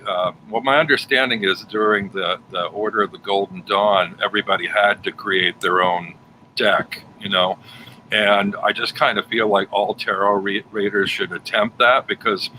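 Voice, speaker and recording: A man's voice: fairly low pitch, sharp tone, low-quality recording. A man hosting a livestream and chatting casually with his guest and viewers. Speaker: livestream host. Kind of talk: casual chat. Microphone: home livestream setup. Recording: faint background noise.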